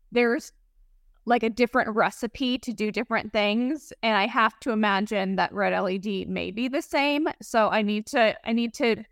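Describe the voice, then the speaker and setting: A middle-aged woman with a medium-pitched voice appears as a guest expert on a podcast, speaking casually but emphatically in an interview. She is an esthetician and company founder, recorded with clean studio sound and no echo.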